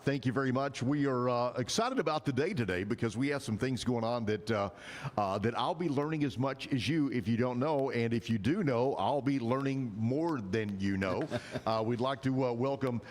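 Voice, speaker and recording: A man's voice: medium pitch, long reverb tail. A man with a Texan accent hosting a live interview show, folksy and teasing his guest with jokes. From Texas. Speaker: fill-in radio host.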